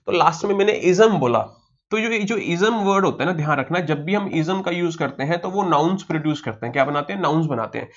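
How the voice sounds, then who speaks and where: A man's voice: fairly high pitch, muffled recording. A man with an Indian accent teaching vocabulary in an online exam-prep lesson. He asks his own questions and then answers them. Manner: spells words slowly letter by letter.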